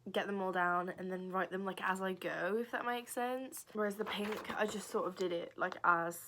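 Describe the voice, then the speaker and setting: A young woman from England with a raspy voice, chatting casually in a vlog and rambling with lots of fillers. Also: mid-range voice, fairly even intonation, normal speed, background noise. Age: young adult. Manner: rambling, many fillers like "like" and "basically". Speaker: student vlogger. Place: cold room at home, at a desk.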